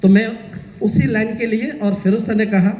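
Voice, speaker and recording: A man's voice: sits high, steady tone, moderate pace, darkish tone. A man giving a motivational stage speech at a business meeting, talking straight to a seated crowd, urging them to clap and asking them questions. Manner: addresses the crowd directly, urging applause and asking rhetorical questions. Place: large hall with a seated audience. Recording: echoey hall, dull lo-fi sound.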